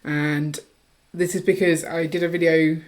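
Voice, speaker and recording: A woman from the UK hosts a relaxed podcast chat in a voice on the lower side. She teases and talks things through, often breaking off and restarting her sentences. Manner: chatty, teasing, talks in quick restarts. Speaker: podcast co-host. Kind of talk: casual chat.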